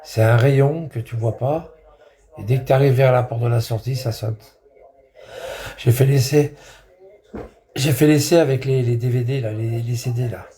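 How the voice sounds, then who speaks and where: A man's voice: medium pitch, steady tone, normal speed, long pauses, mellow. A man chatting casually in a rambling, repetitive way, with crude slang. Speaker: vlogger. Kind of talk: casual vlog chat.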